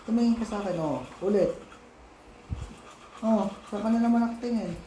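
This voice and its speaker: A father in a casual home video, patiently coaxing and gently scolding his young child, repeating his questions over and over. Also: high-pitched, moderate pace, roomy sound, a little hiss or hum, poor audio. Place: home, indoors.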